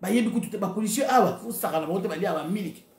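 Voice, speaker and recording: A Congolese-accented video host from the DRC talks quickly in a medium-pitched, darkish voice, and the recording sounds roomy. Her impassioned political rant is aimed at her online followers, whom she exhorts with emphatic repetition while switching between French and Lingala.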